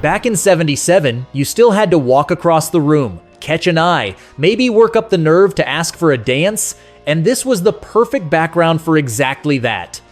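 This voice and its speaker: Set against background music, a scripted nostalgic countdown is told by a man in a folksy, conversational, sentimental way. He speaks at a moderate pace in a fairly high, sing-song voice.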